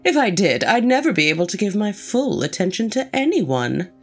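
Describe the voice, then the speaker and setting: A woman's voice: medium pitch, big pitch swings, moderate pace. A woman playing an eccentric, scatterbrained doctor in an audio drama, speaking in a theatrical, over-formal way. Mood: playful. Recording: faint music underneath.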